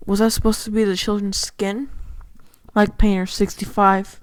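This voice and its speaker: A woman reading a horror story aloud, sometimes dropping into a hush on the eerie lines. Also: medium pitch, little pitch movement, normal speed, slight background noise, poor audio. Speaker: reader. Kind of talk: scripted horror narration.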